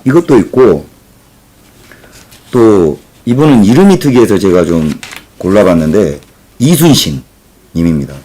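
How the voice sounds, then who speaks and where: A man's voice: a little slow, long pauses. A man from Jeolla in South Korea who hosts his own channel, reading out viewer comments and giving emphatic political commentary. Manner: opinionated, emphatic, lively pitch swings. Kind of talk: casual commentary.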